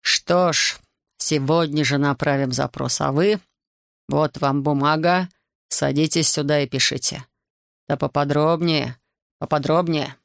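A man reading as an offended, gravelly investigator. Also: on the high side, fairly even intonation, unhurried, fairly bright tone, no echo, clean studio sound. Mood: weary, sincere. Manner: offended, argumentative, later weary. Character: indignant middle-aged male investigator, defensive then sympathetic.

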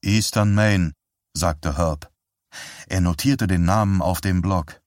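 A male audiobook narrator reads with a very deep voice in a steady, even manner. The recording is dry and close, with no room sound. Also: slow, dry recording. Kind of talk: scripted narration.

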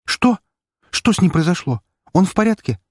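A man putting on a high-strung, indignant young woman. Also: expressive, fairly quick, warm tone, slightly rough, dry recording, clean studio sound. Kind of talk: audiobook character voice.

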